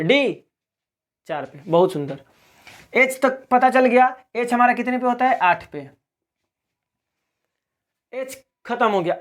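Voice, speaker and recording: A man's voice: very high voice, fairly bright tone. A man from Bihar, teaching a video lesson in a question-and-answer drill, asking each question and answering it himself. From Bihar, India. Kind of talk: classroom-style video lesson.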